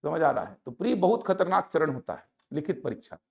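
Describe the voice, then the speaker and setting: A man's voice: a little high, big pitch swings, brisk, vocal fry, a little mellow. A man lecturing a coaching class on an exam syllabus, explaining topics and checking that students follow.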